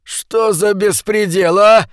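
A blustering, self-important male politician from an audiobook, voiced by the narrator. His protests come out high and indignant, recorded close and dry. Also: fairly even intonation, slow, no room sound. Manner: indignant, hoarse outbursts.

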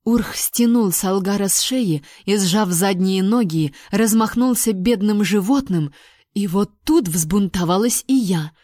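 A woman reading a first-person fantasy audiobook with lively, expressive storytelling. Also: medium pitch, unhurried, no echo, clean studio sound. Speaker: audiobook reader.

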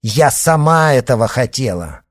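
A stubborn young woman talks back with resentment and defiance, as a man puts her on. Her voice stays husky and a little raised. It is an audiobook figure. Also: medium pitch, sing-song, unhurried, a little mellow, voice pushed up, exaggerated voice. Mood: defiant.

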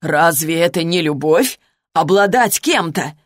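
Menacing, possessive husband in an audiobook, voiced by a woman, lowish voice, dry studio. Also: animated, a little slow, no room sound. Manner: cold, then shouting and raving. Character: controlling, menacing adult husband. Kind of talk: audiobook reading.

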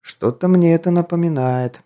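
A man's voice: fairly high pitch, moderate pace, warm tone, dull audio, voice pushed up, natural voice. A man reading an audiobook, voicing a wry, teasing young male hero in close to his own voice.

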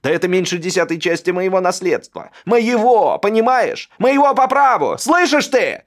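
A man voicing a pampered, self-pitying young man who whines and breaks into falsetto. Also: animated, normal speed. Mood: aggrieved.

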